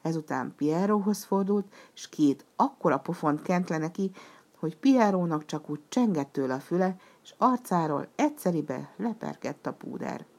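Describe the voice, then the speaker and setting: A woman narrates a children's tale in a steady, expressive reading. Her voice is low and even. She paces the story calmly between the characters' lines.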